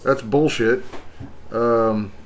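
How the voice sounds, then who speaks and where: A man's voice: mid-range voice, fairly even intonation, drawn-out words, background noise. A middle-aged man hosting a casual livestream, talking bluntly and rambling about making art. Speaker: livestream host, artist.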